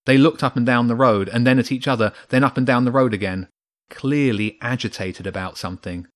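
A man narrating a children's storybook in a steady, measured read. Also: medium pitch.

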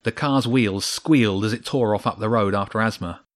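A man narrating a children's storybook in a steady, measured read. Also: on the low side.

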